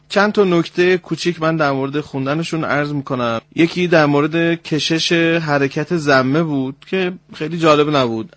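A man hosting a radio program, calmly correcting a caller's recitation and demonstrating sounds. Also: fairly high pitch, no room sound. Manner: explains points slowly, demonstrates sounds. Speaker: radio host and Quran recitation teacher. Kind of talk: instructional radio talk.

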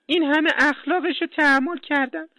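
A woman's voice: high voice, fairly even intonation, sharp tone, no echo. A woman playing a furious, vengeful young wife calling a radio advice show in a comedy sketch. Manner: agitated, vengeful. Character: furious young wife feuding with her sister-in-law. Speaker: caller.

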